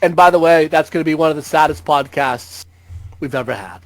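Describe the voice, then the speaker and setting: A man's voice: a little high, brisk, no room sound. A man co-hosting a casual gaming podcast, joking about doom in an overly dramatic way. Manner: dramatic mock-doom humor. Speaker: podcast co-host.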